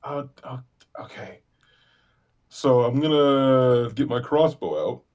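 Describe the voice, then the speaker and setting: A man's voice: mid-range voice, slow pace, darkish tone. A man playing a tabletop roleplaying game, hesitant and often restarting his sentences. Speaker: player. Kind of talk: casual tabletop game play.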